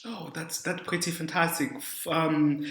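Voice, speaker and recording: A man's voice: fairly high pitch, steady tone, measured pace, fairly bright tone. A young man hosting a business podcast, speaking with many fillers and repeated words. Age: young adult. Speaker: podcast host. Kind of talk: podcast interview. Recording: echoey room.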